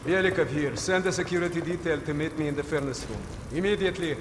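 A man's voice: a little high, quick pace, roomy sound, close to an everyday voice. A man playing a guarded, businesslike Soviet intelligence officer in a video game. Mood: urgent, official. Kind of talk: video game drama acting. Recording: noisy game ambience behind.

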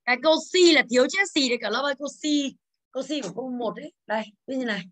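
With lively intonation and a high, bright voice, a woman from Vietnam in her thirties leads an English class at a brisk pace. She calls on students by name and has them drill pronunciation as she works through exercises.

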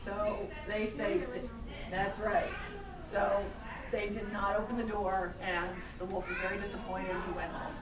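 Using simple phrases and lots of questions, a middle-aged storyteller and puppeteer narrates a tale for young children in a daycare classroom. Her mid-range voice is flat in delivery at normal speed. The distant camera mic captures an echoey, noisy room.

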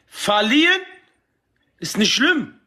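A man's voice: high voice, sing-song, slow, pushed and bright, roomy sound. A man in a heated group call, arguing bluntly and reproachfully and repeating his points. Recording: other voices chattering behind, call audio.

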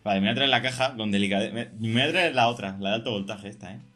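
A young man, hosting casual co-op gameplay chat, excitable and jokey, talking through every move. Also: lowish voice, rapid-fire. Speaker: gaming podcast host.

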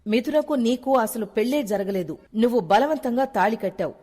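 A woman's voice: a little high, expressive, moderate pace, darkish tone, long reverb tail. Jealous drunk young man, as a woman reads his lines. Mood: bitter.

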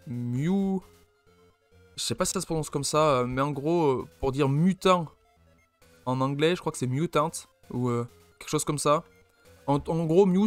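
A man with a French accent hosting an unscripted let's play, thinking aloud with many fillers and restarts. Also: mid-range voice. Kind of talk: unscripted gameplay commentary.

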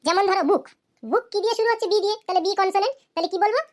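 A very high-voiced woman rushes through a cartoon-style grammar lesson, posing question after question to the class and supplying the answers herself. Each English example comes out slowly. Her tone leans darkish.

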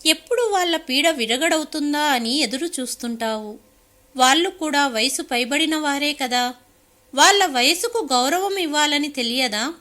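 A woman's voice: sits high, sharp tone, heavily acted. A woman voicing a stern elderly mother who lectures her grown daughter in a story reading. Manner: stern, reproachful.

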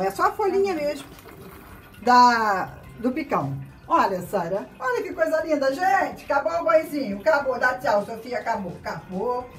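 Female instructor, casual demo, bright and sing-song, coos with diminutives, baby crying behind. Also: high voice. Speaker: instructor demonstrating baby care. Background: baby crying and music.

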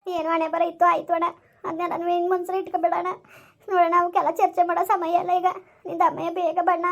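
A woman's voice: very high voice, level tone, quick pace, muffled recording. A woman playing a desperate young sister who anxiously begs for help in an amateur village drama. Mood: pleading. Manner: pleading, anxious.

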